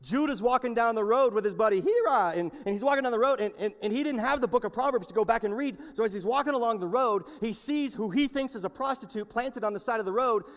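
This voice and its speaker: A male pastor preaching a sermon, swinging between hushed, slow lines and loud, yelled appeals. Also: extremely high pitch. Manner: impassioned, shifts from hushed to yelling. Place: large church hall. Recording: long reverb of a church hall.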